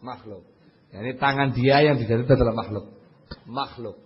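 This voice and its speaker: Husky preacher, lo-fi lecture. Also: male voice, mid-range voice, fast talker, in a large hall. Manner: animated storytelling with big swings between loud and murmured asides. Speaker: Islamic preacher. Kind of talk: religious lecture. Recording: dull lo-fi lecture recording.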